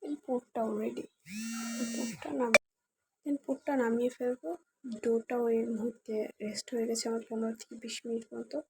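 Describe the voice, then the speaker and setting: A woman's voice: on the high side, flat delivery, normal speed, noisy background. A woman hosting a cooking channel, talking viewers through a recipe step by step in a chatty, direct way. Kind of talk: casual recipe tutorial voice-over.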